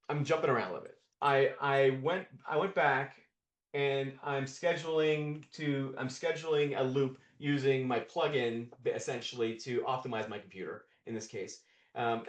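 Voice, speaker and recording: A man walks through software on a live screen share, talking it through as he clicks around. He restarts often and repeats words while he finds his thought. His voice is at an ordinary middle pitch, and the video call audio has a roomy echo. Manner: thinks aloud with frequent restarts and repeated words. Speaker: presenter of a live coding session. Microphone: video call mic.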